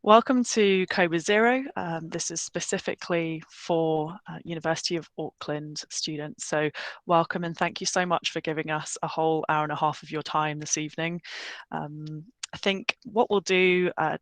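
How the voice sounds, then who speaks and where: A woman's voice: low voice, steady tone, moderate pace, dry recording. A British woman hosting a webinar over a video call, chatting in a friendly way with many fillers. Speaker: graduate recruitment advisor hosting a webinar.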